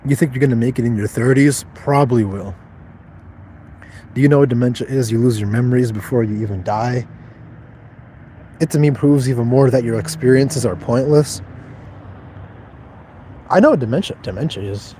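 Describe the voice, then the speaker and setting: Man, twenties, livestreamer, dark mellow tone, blunt and profane, detached, faint background noise. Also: mid-range voice, normal speed, pauses often. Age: 20s. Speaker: livestreamer reading chat. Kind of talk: casual livestream chat.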